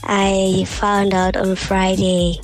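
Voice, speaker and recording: A woman's voice: mid-range voice, monotone, slow pace. A woman confiding in a radio phone-in, her voice disguised with a helium-like chipmunk effect. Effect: voice altered to a chipmunk, helium-like sound. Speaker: anonymous radio caller. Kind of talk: personal phone-in confession. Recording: radio phone-in over music bed.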